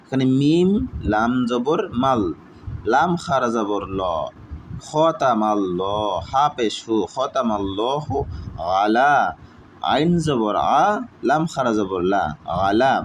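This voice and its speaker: A man gives a Quran reading lesson at a very slow, deliberate pace, sounding out each letter and vowel mark one at a time before he joins them into a full word. His voice sits at an ordinary middle pitch. Faint traffic noise runs behind him. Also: animated, rough recording. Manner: spells out each syllable slowly, then reads the word whole. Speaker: Quran teacher.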